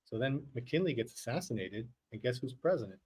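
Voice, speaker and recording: A man's voice: medium pitch, lively intonation, fairly quick, darkish tone, husky. A man co-hosting a casual livestream podcast, telling history in a rambling, joking way. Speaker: podcast co-host.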